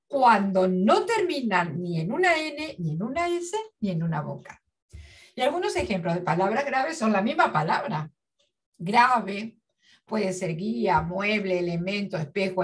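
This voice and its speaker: Slow, lively-voiced woman teacher. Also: mid-range voice, far from the mic. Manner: slow, spells out syllables, repeats examples. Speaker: literature teacher. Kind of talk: classroom lesson.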